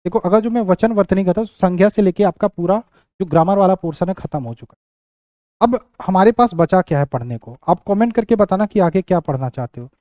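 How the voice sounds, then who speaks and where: A man's voice: high voice, animated, fairly quick, dark tone, no echo. A young man teaching an exam-prep lesson, repeating each word as he writes it out and checking in with his students. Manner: repeats words while writing them out, checks in with "ठीक".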